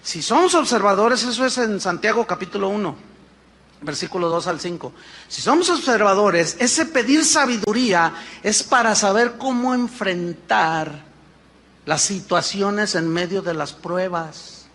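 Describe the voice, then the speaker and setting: A pastor, preaching a sermon, asking rhetorical questions and acting out little dialogues. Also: male voice, high voice, animated, unhurried, fairly bright tone. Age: 50s.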